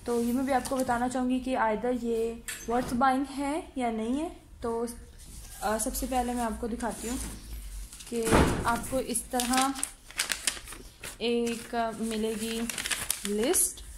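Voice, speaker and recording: A woman hosting her cooking channel, chatting casually through an unboxing review of baking supplies and often pausing to fill gaps as she shows each item. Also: on the high side, noisy background. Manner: chatty, frequent hesitations, shows items one by one. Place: indoors at home, seated over a box.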